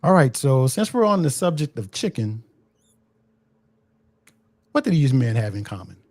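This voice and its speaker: A man in his forties co-hosting a casual podcast with a mellow, relaxed voice and wry, teasing humor. The sound is dry and close to the mic. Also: medium pitch, normal speed, no echo. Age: 40s. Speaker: podcast co-host. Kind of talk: casual chat.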